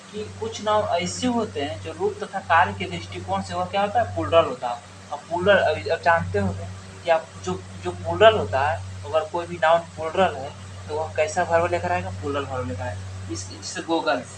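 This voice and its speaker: A man gives a grammar lesson in a high, raised voice. He keeps asking questions and answering them himself, often restarting his sentences. A faint background hiss runs under his voice. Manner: many restarts and fillers. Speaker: teacher.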